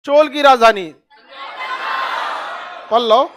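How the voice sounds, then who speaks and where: A male teacher running an online map class, drilling facts in quick call-and-response and repeating each answer. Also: extremely high pitch, a crowd in the background, background noise.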